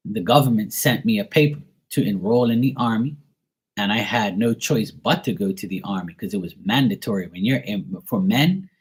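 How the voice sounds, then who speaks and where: Man, Bermudian accent, low-ish voice, husky, blunt, profane, casual livestream rant. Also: moderate pace. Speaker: livestream host.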